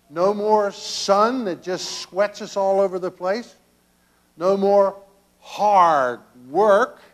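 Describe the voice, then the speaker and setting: Older male pastor, children's sermon, slow and halting delivery, fairly high voice, church sanctuary. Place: church sanctuary, children seated around him.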